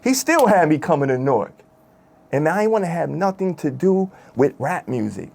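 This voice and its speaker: Man, candid interview storyteller; raspy, gravelly, lively pitch, emotional street-slang delivery. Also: normal speed. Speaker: former rap group member telling his story.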